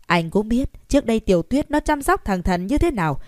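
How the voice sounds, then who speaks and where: A woman voicing an irritable old grandfather who scolds loudly, reading an audiobook story. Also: medium pitch, expressive, fairly quick, no room sound, clean studio sound, close to an everyday voice. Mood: angry scolding. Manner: angry, scolding, raised voice.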